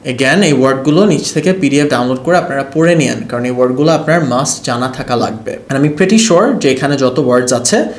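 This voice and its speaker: A man teaching English to beginners. He says English words slowly and clearly, then explains them quickly in Bengali. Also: medium pitch, expressive. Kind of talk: video lesson for beginners. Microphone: laptop setup. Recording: roomy echo.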